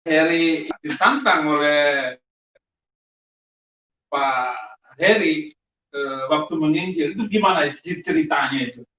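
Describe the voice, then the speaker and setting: A male pastor hosting his channel, asking questions and addressing viewers haltingly with many fillers. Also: a little high, pushed and bright. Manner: slow, hesitant, many fillers. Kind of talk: interviewer, sermon-like commentary. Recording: distant, echoey, muffled, faint noise.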